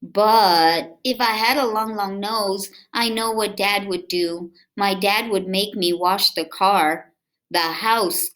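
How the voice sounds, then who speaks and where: In a mid-range voice, a woman expressively reads a picture book to young children, lingering on words and adding conversational questions for her listeners.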